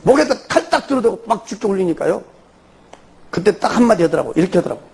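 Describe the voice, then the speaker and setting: Gravelly Jeolla-accented pastor telling a testimony. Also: male voice, high voice, fast. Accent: Jeolla Korean. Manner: animated storytelling with rhetorical questions. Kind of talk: testimony sermon.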